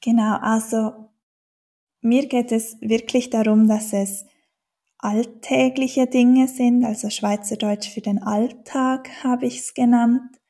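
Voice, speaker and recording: A woman from German-speaking Switzerland, a dialect teacher with a Swiss accent, answers interview questions thoughtfully, with plenty of fillers and restarts. Her voice is fairly high and warm, her intonation fairly even, and she takes her time.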